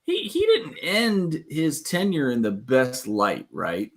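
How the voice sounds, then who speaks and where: Male host, mid pitch, chatty, often laughing, casual talk show. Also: wildly swooping pitch, slow pace. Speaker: podcast host. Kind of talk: casual chat.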